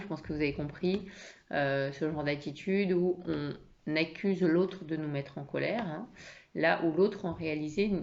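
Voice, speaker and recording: A woman's voice: low voice, gravelly, darkish tone, lo-fi sound, a little hiss or hum. A woman coaching on emotions, talking in a conversational way with many fillers and restarts. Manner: conversational, with frequent fillers and repeated words. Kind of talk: explanatory lesson.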